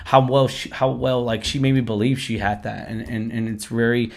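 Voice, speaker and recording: A man with a hoarse, worn-out voice hosting a casual film review chat, effusive and repeating himself. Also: medium pitch, fairly even intonation, moderate pace. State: hoarse, lost his voice after singing at a concert. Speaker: host of a movie review show.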